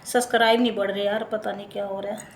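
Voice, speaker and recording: A young woman vlogging casually from her hot home kitchen, hoarse and unwell, chatting and complaining straight to her viewers. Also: mid-range voice, flat delivery, quick pace. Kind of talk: casual chat to camera. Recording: echoey room, faint noise.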